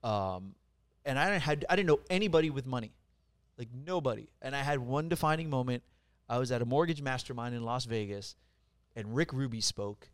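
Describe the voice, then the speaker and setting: In a casual podcast interview recorded in an office studio, a middle-aged man from Puerto Rico who lends mortgages tells stories with blunt, profane energy. His medium-pitched voice runs a little fast and sounds clear and resonant. The audio is studio quality without echo.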